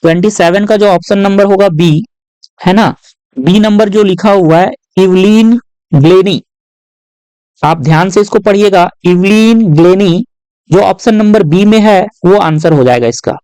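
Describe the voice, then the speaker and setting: A man tutoring students through exam questions in a patient, step-by-step way, often adding short tag questions and reading English lines aloud slowly. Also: high-pitched, mellow, clear, resonant tone, no echo, rough recording. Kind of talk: exam-prep lesson walkthrough.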